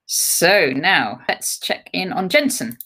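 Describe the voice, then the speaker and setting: An English woman co-commentating live online chess, briskly moving the talk from game to game. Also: lowish voice, sing-song, pushed and bright.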